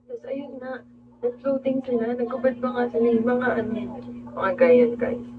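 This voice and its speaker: Woman streamer, chatty animated storyteller, phone-like sound with a steady hum. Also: a little high, moderate pace. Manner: animated storytelling, greets viewers mid-story. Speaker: livestream host. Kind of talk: casual storytelling livestream. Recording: tinny phone-like audio with hum.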